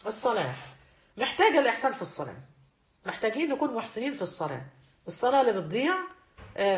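A woman's voice: fairly high pitch, roomy sound. A woman with an Egyptian accent giving a religious lesson to women, emphatic and repeating key phrases to drive them home. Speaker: religious teacher.

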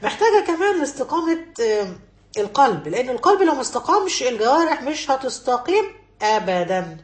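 A woman's voice: high-pitched, sing-song, fast talker, reverberant. An Egyptian woman teaching a religious lesson to women, earnest, repeating key phrases and quoting scholars. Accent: Egyptian Arabic.

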